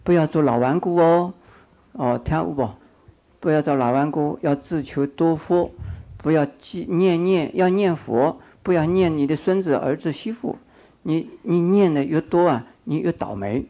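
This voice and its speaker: A man's voice: a little high, normal speed. An older man preaching a Buddhist sermon, coaxing his listeners, repeating phrases and asking them questions. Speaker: Buddhist monk teacher. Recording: dull lo-fi recording.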